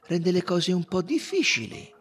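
A man reading aloud and voicing a fussy, clever older detective who speaks softly and persuasively, with sly amusement. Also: high voice, sing-song, normal speed, soft background music, voice pushed up. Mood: explaining.

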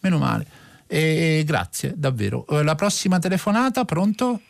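A man's voice: a little high, animated, moderate pace, creaky. A man hosting a live radio phone-in, chatting informally and courteously with callers, often interjecting. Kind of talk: informal live call-in conversation.

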